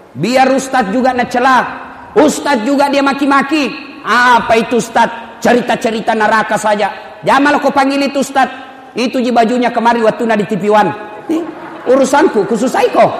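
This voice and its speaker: Preaching a humorous sermon at a moderate pace, a man with a very high-pitched voice jokes and banters with the congregation. The hall is echoey, with a faint hum in the background.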